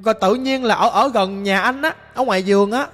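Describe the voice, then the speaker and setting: Guy playing a sad young ghost telling how he died, southern vietnamese accent, rambly, highish voice, echo and music. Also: a little fast, fairly bright tone. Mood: sorrowful. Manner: plain, rambling recounting with many restarts. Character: sorrowful ghost of a young man. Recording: long reverb with music behind.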